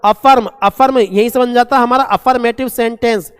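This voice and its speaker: A man teaching a vocabulary lesson, asking and answering his own questions and reading English examples out slowly. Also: very high voice, steady tone, smooth. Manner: asks and answers his own questions, calls students "beta". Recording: long echoing reverb.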